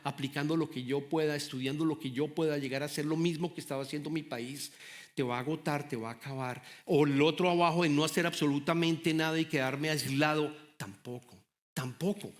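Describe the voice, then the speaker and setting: Pastor guy preaching hard, kinda high voice, keeps repeating himself. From Latin America. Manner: impassioned preaching, repeats words and restarts often. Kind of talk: sermon.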